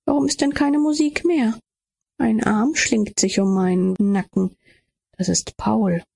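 Woman audiobook reader, raspy with lots of fry, dramatic inner monologue. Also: fairly high pitch, steady tone, a little slow, a little mellow. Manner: intense inner-monologue delivery with whispered asides. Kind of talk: dramatic first-person audiobook reading.

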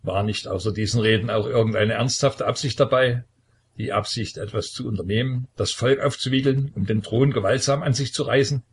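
A man voicing a stern older tsar who questions his son firmly, in a husky, creaky voice. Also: mid-range voice, fairly quick. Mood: probing.

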